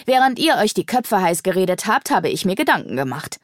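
A portly male sage speaks in a calm, self-pleased, unhurried way, put on by a woman reading a storybook. The sound is close and dry. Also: medium pitch, no room sound, natural voice. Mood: smug.

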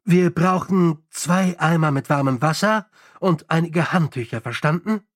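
A brisk young woman sergeant in an audiobook, as a male reader puts her on, handing out orders crisply and expecting them done. The delivery is firm and matter-of-fact, in a fairly high male reading voice. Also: no room sound, studio quality. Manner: brisk, commanding.

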